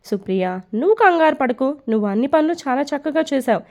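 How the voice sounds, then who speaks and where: A woman's voice: sits high, expressive, a little fast, gravelly, a little mellow. A woman storyteller voicing a kind employer who reassures a worried helper. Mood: reassuring.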